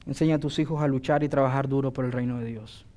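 A middle-aged man preaching a sermon, emphatic and exhorting, building to loud declarations. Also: medium pitch, fairly even intonation, quick pace.

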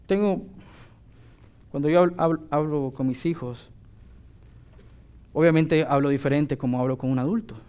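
A middle-aged man preaching a sermon, emphatic and exhorting, building to loud declarations. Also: on the high side, normal speed, long pauses, clean tone.

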